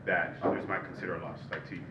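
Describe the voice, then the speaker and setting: A man with a low voice asks press questions at a quick pace. He sounds distant and dull in an echoey space, with noise behind him. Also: little pitch movement, a crowd in the background. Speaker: reporter asking questions.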